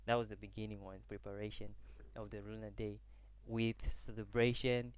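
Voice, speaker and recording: A young man from Zambia gives a class presentation, halting and restarting as he searches for words. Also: fairly low pitch, flat delivery, smooth, dry recording. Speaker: student presenter.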